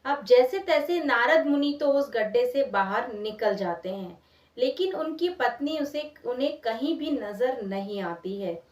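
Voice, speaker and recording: A woman storyteller and channel host tells a moral tale expressively in everyday, conversational language, repeating phrases for emphasis. Her fairly high voice is unhurried, and she sounds distant from the mic in a roomy, echoing space.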